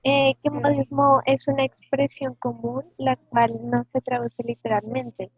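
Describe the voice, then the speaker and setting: A woman student answers in class, reading out a definition. Her voice is high, flat and husky. It comes through a tinny, phone-like line. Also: unhurried, no room sound.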